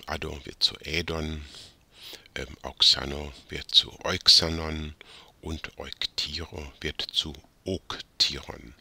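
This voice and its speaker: A man with a very low, gravelly voice gives a casual grammar lesson. His tone is sharp and husky. He rambles, corrects his own slips and tosses in self-mocking jokes. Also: fairly even intonation, takes it slowly, no room sound. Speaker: tutor.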